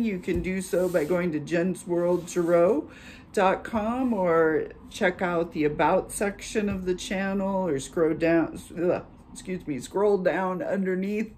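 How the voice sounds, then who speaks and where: Lady doing a chill tarot reading on her channel, talks real slow, lots of ums. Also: fairly low pitch, darkish tone, slight background noise. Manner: unhurried and chatty, with many filler pauses. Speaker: tarot reader and channel host. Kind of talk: casual tarot reading on camera.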